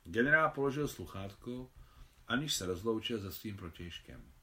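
A man, the translator, reading his own translation of a novel aloud in a steady, even way. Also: on the low side. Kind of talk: audiobook narration.

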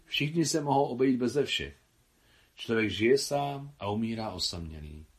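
A man reading the lines of a worldly, good-humoured army doctor in an audiobook, with calm, gently reflective speech. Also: medium pitch, close to an everyday voice.

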